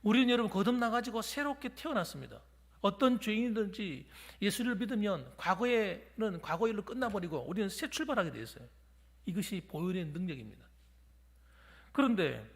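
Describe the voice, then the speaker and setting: A man's voice: high voice, husky, long reverb tail. A pastor preaching a sermon in a church, emphatic and urging his congregation. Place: church sanctuary during a weekday service.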